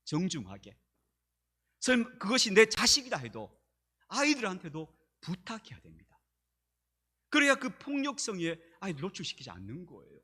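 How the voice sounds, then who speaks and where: Male pastor, animated sermon delivery, high and breathy-edged. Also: moderate pace, pauses often. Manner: animated preaching that acts out quoted speech.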